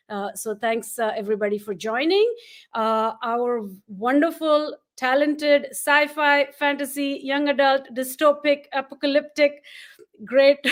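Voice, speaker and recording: A woman hosting a live-streamed online event, speaking with enthusiasm and many "uh" fillers over a video call. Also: high voice. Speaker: event host.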